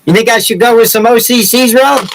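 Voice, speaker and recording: A man's voice: very high-pitched, fairly quick, creaky, low-quality recording. A man in his sixties from Massachusetts with no regional accent, chatting casually and teasing viewers as the host of a woodcarving livestream. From Massachusetts, USA. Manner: joking, teasing, rambling.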